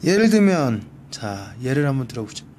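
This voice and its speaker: A man's voice: mid-range voice, sing-song, moderate pace, a little mellow, a little hiss or hum. A man teaching a one-on-one Spanish grammar lesson, patiently repeating each word for practice. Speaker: Spanish tutor. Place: library.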